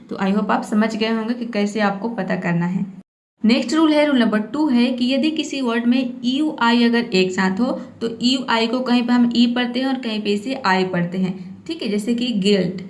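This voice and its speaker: A woman teaching English pronunciation rules, patiently repeating each example word. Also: a little high. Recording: echoey room.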